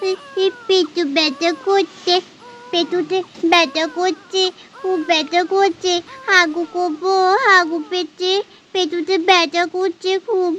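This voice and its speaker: A small whimpering boy, as a woman voices him in a doll story, babyish and stammering. His voice sits very high. The recording is dull. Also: fairly even intonation, takes it slowly, fairly bright tone, a little hiss or hum, heavily acted.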